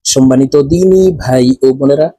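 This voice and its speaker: A man with a Bangladeshi Bengali accent teaching Quran recitation, slowly and patiently, breaking each word apart and repeating phrases. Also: mid-range voice, mellow, dry recording. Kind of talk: slow, patient teaching with drawn-out chanted recitation.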